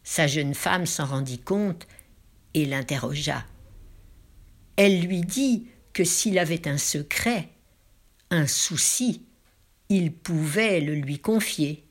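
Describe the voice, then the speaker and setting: A woman telling a folk tale with slow, drawn-out dramatic phrasing, dropping into hushed whispers for emphasis. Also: low-pitched. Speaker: storyteller.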